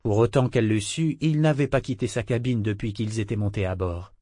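A man reading a novel aloud as narrator, in a measured, even way. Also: on the low side, dry recording, studio quality. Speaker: audiobook narrator. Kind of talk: scripted narration.

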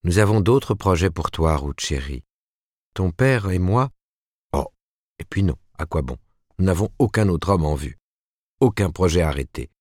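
A man's voice: deep voice, animated, normal speed, pauses often, darkish tone, dry recording, clean studio sound. A man reading the part of a proper, disapproving middle-aged mother who lectures her daughter in an audiobook. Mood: coaxing. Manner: admonishing, rising emphatically.

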